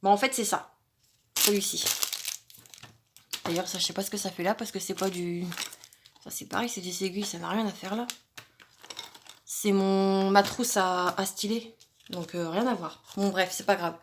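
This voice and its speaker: A woman's voice: medium pitch, steady tone, normal speed, pauses often, noisy background. A woman vlogger chatting casually through an unboxing, thinking aloud with frequent hesitations and fillers. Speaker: crafting vlogger.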